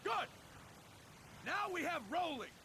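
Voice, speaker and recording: An actor playing a stern, bossy military drill sergeant who barks training instructions in a video game tutorial. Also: male voice, very high voice, animated, slow, gravelly, bright, forceful tone, slight background noise, full character voice. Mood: barking, stern. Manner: drill sergeant style, barking commands, stern.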